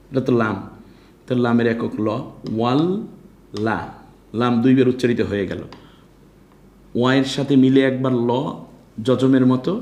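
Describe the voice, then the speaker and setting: Heard in an echoey room, a man with a medium-pitched, somewhat mellow voice teaches how to recite the Quran. He goes syllable by syllable, explaining the pronunciation rules, then draws out the verses in a chant.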